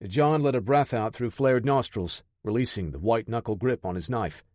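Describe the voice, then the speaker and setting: A man narrating an action audiobook in a steady, dramatic storytelling manner. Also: mid-range voice, normal speed, no room sound, studio quality. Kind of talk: scripted narration.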